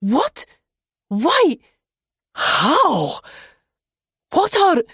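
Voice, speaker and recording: Actress voices an anxious young woman for an audiobook; husky, higher-pitched, dry studio sound. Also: wildly swooping pitch, extremely slow, fairly bright tone, no echo, exaggerated voice. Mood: distraught. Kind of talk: audiobook character voicing.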